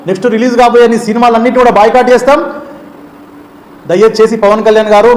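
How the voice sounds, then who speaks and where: Man with a Telangana accent, student-leader type. Rapid, heated political tirade, accusing throughout. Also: sits high, a little mellow. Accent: Telangana Telugu. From Telangana, India. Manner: heated, accusing, rhetorical questions. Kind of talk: political speech to camera.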